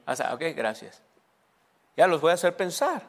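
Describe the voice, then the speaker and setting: A man preaching a sermon in a slightly higher voice. He quizzes his congregation and repeats phrases for emphasis. His voice rings with the long reverb of a big church hall. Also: wildly swooping pitch, normal speed, vocal fry. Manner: preaching to a congregation with questions and repetition. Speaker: pastor.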